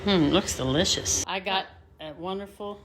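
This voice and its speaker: A woman's voice: medium pitch, normal speed, crowd noise. A woman co-hosting a home cooking show, playful and encouraging as she shows off a kitchen tool. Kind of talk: casual cooking chat.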